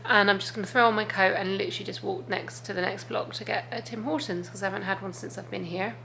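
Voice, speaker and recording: A woman's voice: medium pitch, fairly even intonation, fast talker, gravelly, sharp tone, a little hiss or hum. A woman chatting casually and informally to camera as a travel vlogger, rambling and confiding.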